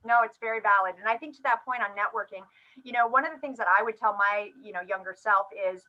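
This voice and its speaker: A woman's voice: mid-range voice, quick pace, muffled recording. A woman hosting a podcast interview, chatty and telling self-deprecating stories. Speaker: podcast host. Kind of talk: conversational interview.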